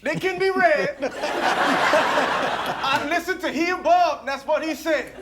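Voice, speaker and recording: A man playing a domineering, declamatory preacher in an improvised stage comedy. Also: very high-pitched. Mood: commanding, fiery. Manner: declamatory, drawn-out, commanding. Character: domineering bombastic male preacher wooing a date. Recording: loud studio audience noise and laughter.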